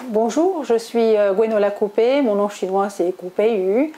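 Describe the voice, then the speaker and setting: A middle-aged executive recruiter from Toulouse in southwest France answers interview questions conversationally, hesitating and correcting herself often. Her mid-range voice is mellow and unhurried, with a little hiss or hum in the recording.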